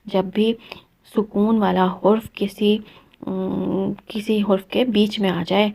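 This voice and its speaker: A woman's voice: medium pitch, little pitch movement, creaky, a little mellow. A woman teaching Quran recitation rules, explaining each rule patiently and methodically and repeating it step by step. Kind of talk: step-by-step tajweed lesson.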